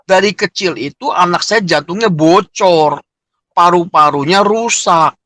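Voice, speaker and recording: A man's voice: high voice, a little slow, fairly bright tone, no echo. A middle-aged man telling his personal story with emotion, often addressing his listener as "Pak". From Indonesia. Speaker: interviewee. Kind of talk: personal testimony.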